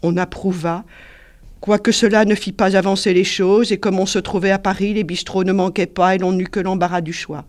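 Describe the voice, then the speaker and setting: Reader: woman, literary excerpt, measured and expressive delivery. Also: mid-range voice. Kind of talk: literary reading.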